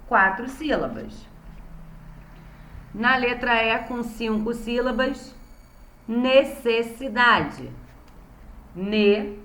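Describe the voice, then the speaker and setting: Slow, patient Brazilian teacher in echoey room. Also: female voice, fairly high pitch, pushed and bright. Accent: Brazilian Portuguese. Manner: patient, sounds out words syllable by syllable. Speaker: primary school teacher. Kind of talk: remote lesson recap for young children. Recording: roomy echo.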